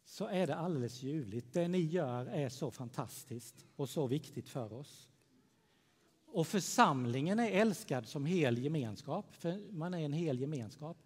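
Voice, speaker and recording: A man gives a children's sermon, his voice sitting a little high for a man. He speaks gently and tells a story to the young listeners. His words ring out with a long church reverb. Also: lively intonation, slightly rough. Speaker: pastor.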